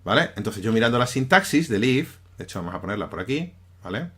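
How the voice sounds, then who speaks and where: A man's voice: mid-range voice, big pitch swings, fast talker, bright, forceful tone, husky. Man teaching at a keyboard. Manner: conversational, often checks in with listeners. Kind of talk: screencast programming lesson. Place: at a computer, voice-over of a screen recording.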